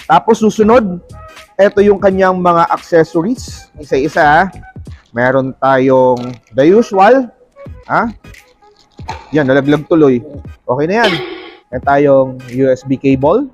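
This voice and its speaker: Presenting a product unboxing, a vlogger with a Filipino accent talks it up like a playful salesman, chatting casually and mixing in English terms. His slightly high voice is animated but unhurried, with long pauses. Music plays behind him.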